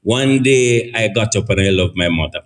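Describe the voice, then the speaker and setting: A man's voice: animated, normal speed. Jamaican man preaching to parents and teens. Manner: storytelling, sweeps up high when stressing a point; often checks in with "right?". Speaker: speaker at a family forum. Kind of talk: sermon-like talk to parents and teens.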